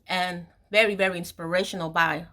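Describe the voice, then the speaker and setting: Her voice is fairly low with fairly even intonation, brisk and bright with a forceful tone, over slight background noise. The woman, in her forties, hosts an online video series and, as an author, shares her own story candidly and confidingly, stressing key phrases and frequently repeating them for emphasis.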